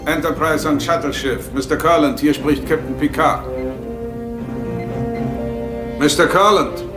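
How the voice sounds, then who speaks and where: A man's voice: fairly high pitch, fairly even intonation, moderate pace, music in the background, natural voice. An actor playing an authoritative, composed male starship captain giving orders in a dubbed science fiction drama. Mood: firm. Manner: commanding, crisp orders.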